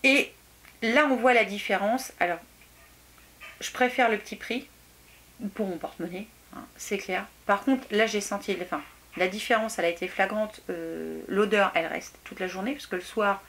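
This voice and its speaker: A young woman talks through her used-up beauty products in a relaxed, chatty way. She hesitates often, repeats words and restarts sentences. Her pitch sits in an ordinary middle range. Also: moderate pace. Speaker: beauty vlogger. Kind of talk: casual product review.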